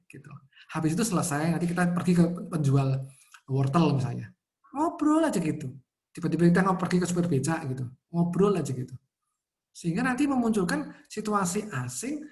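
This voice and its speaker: A man's voice: a little high, a little mellow. Male child psychologist, easygoing, explains by example, video-call sound. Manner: easygoing, explains with everyday examples, often ends phrases with "gitu". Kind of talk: webinar talk answering parents' questions.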